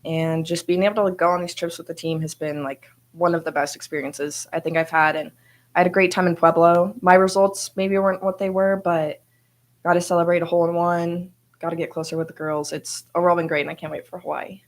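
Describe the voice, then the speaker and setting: Young woman, freshman athlete, slightly low voice, chatty and enthusiastic. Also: flat delivery, brisk. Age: young adult. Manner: chatty, frequent "like" fillers, enthusiastic. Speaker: first-year college athlete. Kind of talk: media interview answers.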